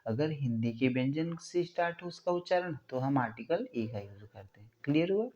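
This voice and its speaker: Man teaching grammar, dark mellow voice. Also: medium pitch, expressive, lo-fi sound. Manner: explains step by step, often asking the listener "clear?"; stretches out sounds slowly to show pronunciation. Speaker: English teacher. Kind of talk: classroom grammar lesson.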